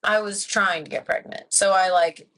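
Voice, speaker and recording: A woman in her twenties, a podcast guest, telling a personal story in a rambling, animated way full of "like". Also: medium pitch, moderate pace, a little hiss or hum, rough recording. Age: 20s. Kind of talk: casual chat.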